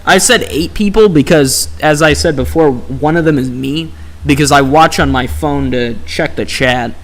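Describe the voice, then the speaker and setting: A man's voice: on the high side, moderate pace. A young man live-streaming a game, chatting casually and sarcastically while reading chat aloud. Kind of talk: casual gameplay commentary. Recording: faint background music.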